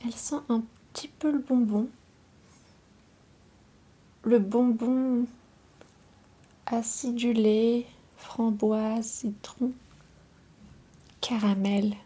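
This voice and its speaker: An ASMR video host speaks softly and drifts into whispers, her fairly high voice hoarse and husky from a cold. Her manner is gentle and unhurried, her tone steady.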